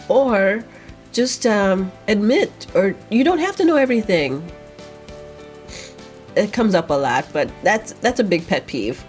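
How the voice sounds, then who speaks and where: A woman vlogger chats casually through viewer questions, stuffy and sniffling from a cold. She rambles and fills gaps as she goes, in a voice of middle pitch. Soft music plays faintly underneath. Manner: rambling, chatty, with fillers. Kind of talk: casual chat.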